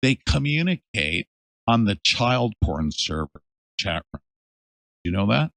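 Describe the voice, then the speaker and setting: A male host in a casual interview, emphatic and animated, swinging from loud to hushed. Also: fairly low pitch, unhurried, no echo.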